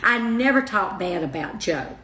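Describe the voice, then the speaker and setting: Older woman, halting speech, middle-pitched voice, roomy echo, faint hiss behind. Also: lively intonation. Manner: soft, halting, with many restarts and fillers. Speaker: guest, mother of the host. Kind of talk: emotional personal interview.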